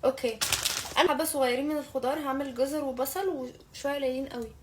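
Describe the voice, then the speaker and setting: A woman's voice: sits high, background noise. A young woman with an Egyptian Arabic accent chatting jokily to camera while cooking in her home kitchen at night. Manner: joking, teasing, rapid chatter. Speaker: vlogger. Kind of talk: casual cooking vlog.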